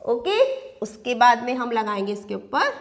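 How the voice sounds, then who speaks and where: A woman's voice: a little high, sing-song, normal speed. A young woman teacher leading a children's lesson with sing-song rhymes and call-and-response questions in her phrases. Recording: echoey room with long reverb.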